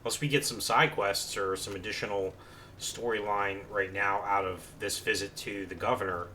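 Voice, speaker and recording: A man's voice: lowish voice, fairly even intonation, normal speed, pushed and bright, slight background noise. A man casually commenting on a video game as he plays, rambling with many fillers. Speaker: gameplay commentator. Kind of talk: let's play commentary.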